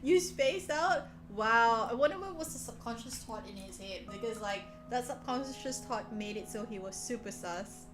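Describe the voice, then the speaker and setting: With lively intonation and few pauses, a woman hosting a casual live stream talks to viewers at a moderate pace, her voice a little high. She teases, giggles and plays around, and the echoey room carries soft background music beneath her speech.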